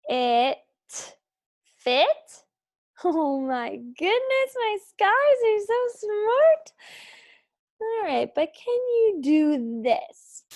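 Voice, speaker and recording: With a slightly high, gravelly, somewhat mellow voice, a young woman teaches phonics to small children. Her delivery is slow and sing-song, full of encouragement and frequent praise.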